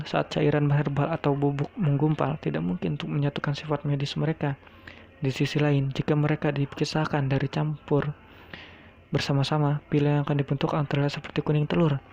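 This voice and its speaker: Calm unbothered young teacher guy, read flat by a man, gravelly, lo-fi audio. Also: fairly high pitch, fairly quick. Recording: dull lo-fi recording.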